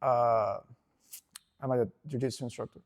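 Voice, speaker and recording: A jiu-jitsu instructor in his forties, originally from Venezuela, is a guest in a casual interview, recalling his childhood in a relaxed, rambling way. He speaks at normal speed in a mid-range voice, circling back often with fillers and restarts rather than polished phrasing.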